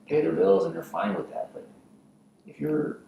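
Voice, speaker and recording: Gravelly man far off in an echoey room. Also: deep voice, big pitch swings, normal speed, phone-quality sound, slight background noise. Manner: gives blunt advice, repeating phrases. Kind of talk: casual podcast chat.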